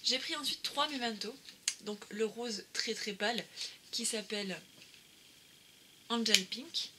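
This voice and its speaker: A woman's voice: fairly high pitch, a little slow. Hesitant woman with noise behind. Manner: hesitant, many "euh" fillers and restarts. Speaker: craft vlogger. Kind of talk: casual haul video.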